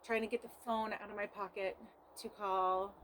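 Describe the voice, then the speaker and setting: A woman's voice: medium pitch, level tone, moderate pace, a bit bright, slight background noise, poor audio. A woman homesteader telling her vlog audience, shaken and earnest, about a frightening mishap, often speaking of God and prayer. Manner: shaken, earnest retelling of a scare. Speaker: homesteader vlogger. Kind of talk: emotional storytelling to camera.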